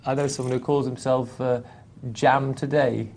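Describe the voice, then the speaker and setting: A mid-pitched man adding eager, earnest remarks to live poker commentary. He plays along with his partner's jokes. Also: level tone, moderate pace, creaky, darkish tone.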